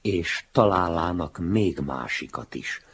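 A male narrator reading a literary story aloud with a very deep, low voice. His tone is husky and breathy, and the recording sounds dull and lo-fi. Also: lively intonation, a bit bright.

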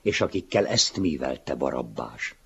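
A man voicing a gentle, soft-spoken master. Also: rumbling low, big pitch swings, slightly rough, full character voice. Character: gentle, calm male teacher figure, a mild master. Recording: dull lo-fi recording.

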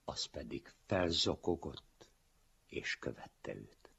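A man reading a literary story aloud in a measured, solemn way, with a very husky voice. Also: extremely low pitch, lively intonation, fairly bright tone. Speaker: reader. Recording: dull lo-fi recording.

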